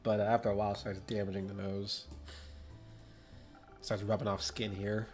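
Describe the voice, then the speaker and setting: A man's voice: fairly low pitch, level tone, normal speed, darkish tone, soft background music. A man with a stuffy nose, chatting casually and mocking himself while playing a game on a stream. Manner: rambling, self-mocking, chatty. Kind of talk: casual let's-play commentary.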